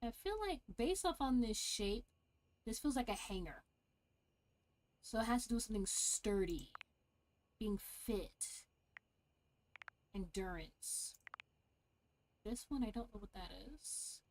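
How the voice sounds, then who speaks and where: A woman's voice: fairly high pitch, lively intonation, slow, long pauses, darkish tone, slight background noise. A woman giving casual gameplay commentary, thinking aloud to herself as she plays. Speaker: game streamer. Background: game music.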